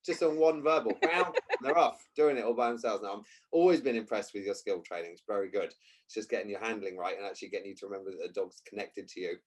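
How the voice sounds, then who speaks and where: A man's voice: lowish voice, racing, darkish tone. A man hosting a casual interview, talking in a teasing, jokey way. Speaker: host, agility coach.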